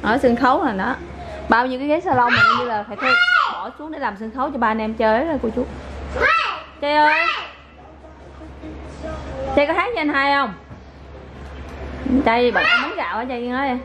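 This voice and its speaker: Filming her family at home, this young mother talks in a high, expressive voice, a little fast and with frequent pauses. She addresses her kids and her viewers, teasing them into eating and praising them as they do. Loud background noise runs through the clip.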